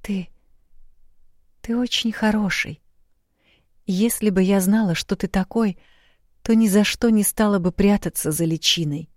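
A woman's voice: mid-range voice, measured pace, pauses often, a little mellow, no room sound, clean studio sound, pitched above the performer's own voice, natural voice. A woman reading an audiobook, voicing a young flustered noble bride in a breathless, pleading way. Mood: shy.

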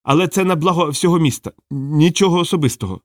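A man's voice: fairly high pitch, fast talker, no room sound, clean studio sound, voice pushed up, lightly acted. A man voicing a nervous young male killer who stammers out apologies. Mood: apologetic.

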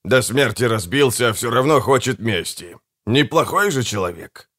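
A man's voice: medium pitch, lively intonation, normal speed, fairly bright tone. A man voicing a greedy, quarrelsome bandit brother who snaps and swears. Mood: sneering.

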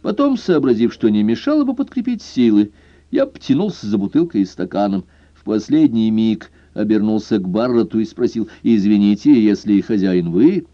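A man reading a first-person detective novel aloud in a lively, expressive way, in a dull lo-fi recording. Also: on the low side, fairly quick, no echo. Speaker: audiobook narrator. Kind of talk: scripted first-person narration.

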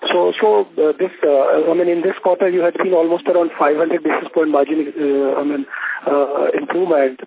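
A man's voice: a little high, flat delivery, moderate pace, background noise. A man, an analyst asking probing, repeated questions over a conference call line that keeps breaking up. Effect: conference call phone line, audio breaking up.

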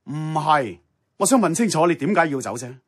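In a Cantonese radio drama, an actor voices a blunt, seasoned, middle-aged radio station boss with a Hong Kong accent. The male voice sits on the high side and sounds animated at a normal speed, with a dry, challenging manner.

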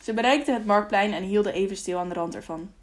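Brief: female storybook narrator, even and clear. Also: mid-range voice, quick pace. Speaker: audiobook narrator. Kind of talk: audiobook narration.

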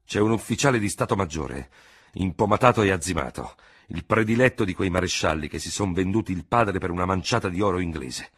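A man voicing a proud, embittered old male cavalry general who blusters and speaks dogmatically, in a husky voice. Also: rumbling low, normal speed, heavily acted. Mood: indignant.

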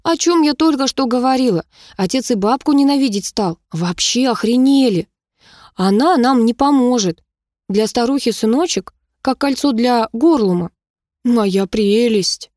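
A woman's voice: a little high, expressive, a little slow, a little mellow, dry recording, pitched above the performer's own voice. Woman doing a resentful teenage girl, scornful and mocking, raised voice, dry close sound.

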